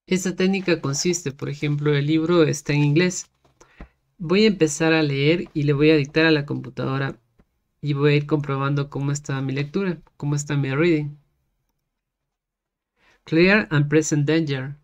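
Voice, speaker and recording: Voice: mid-range voice, steady tone, a little mellow. Patient teacher explaining a study method. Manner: explains step by step, sounds out English words slowly. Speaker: English teacher. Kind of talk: casual instructional explanation.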